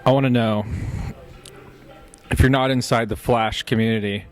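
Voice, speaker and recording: A man's voice: medium pitch, steady tone, normal speed, faint music behind. A man co-hosting a casual podcast in a joking, teasing manner. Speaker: podcast co-host.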